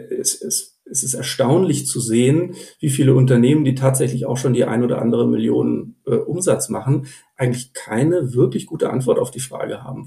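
A man's voice: mid-range voice, vocal fry, warm tone, roomy sound. A man speaking as an investor guest on a podcast, thinking aloud with many fillers and restarts. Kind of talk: podcast interview.

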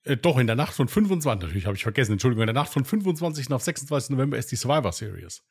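A man's voice: medium pitch, very animated, racing, breathy edge. A man co-hosting a podcast in casual chat, rambling and self-deprecating with many restarts. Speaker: podcast co-host.

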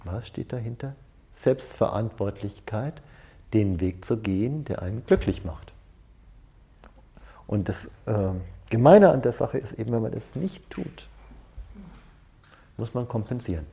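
Unhurried and full of pauses, a fairly low, dark, gravelly male voice carries lively intonation. He leads a seminar informally, weaving in personal anecdotes and checking in often through short tag questions.

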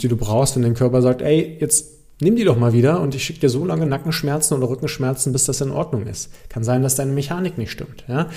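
A man with a mellow, mid-range voice works as a host and pain and movement coach. He answers audience questions informally and explains things directly to the listener, often adding little check-in tags.

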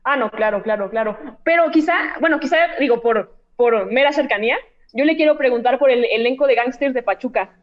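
A woman interviewing a football scout, who breaks in with quick affirmations and then asks questions. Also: a little high. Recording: dull lo-fi sound.

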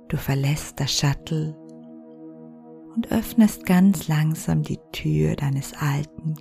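Slow, low-voiced woman narrating like a sleep story. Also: vocal fry. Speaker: podcast host and guided meditation leader. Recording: soft music behind the voice. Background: music.

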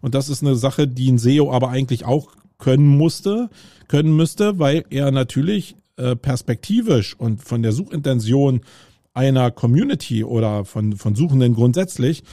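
A middle-aged man from Germany records his own podcast outdoors on a city street, roadwork noise around him, rambling in a casual solo monologue with many fillers and restarts. His medium-pitched voice has a dark tone, captured in a dry, studio-quality recording.

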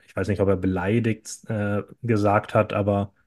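A man speaks as a guest on a conversational podcast. His low voice stays flat and even in tone, and he weighs his words in a measured, thoughtful way. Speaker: guest, youth football coach and sports teacher. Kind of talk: conversational interview.

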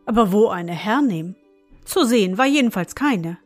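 A woman narrating an audiobook story in a measured storytelling manner. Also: medium pitch, animated. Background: faint music.

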